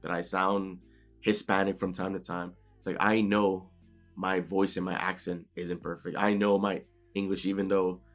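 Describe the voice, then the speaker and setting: There is little pitch movement in this young man's voice as he delivers an unscripted motivational talk at normal speed from his bedroom. A YouTuber with a New York accent, he's casual, frequently ends lines with "right?" and sometimes stutters, over low background music.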